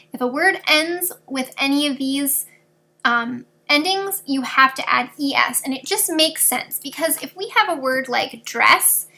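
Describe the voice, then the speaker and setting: A woman's voice: high voice, pushed and bright. A woman teaching a fourth grade class in a recorded video lesson, patiently explaining grammar rules step by step with examples.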